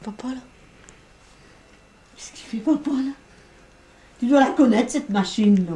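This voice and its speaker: A woman's voice: on the high side, measured pace, warm tone. An older woman, a grandmother, cooing repetitive sing-song baby talk to an infant at home. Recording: roomy home camcorder audio with faint noise.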